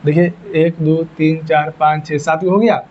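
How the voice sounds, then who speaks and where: A male teacher explains a lesson in a slightly high voice, going over each point more than once. He asks questions and answers them himself. The recording sounds muffled and lo-fi. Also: level tone, moderate pace, slight background noise. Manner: repetitive, explains step by step, asks and answers his own questions. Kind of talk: classroom lesson. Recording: dull lo-fi recording.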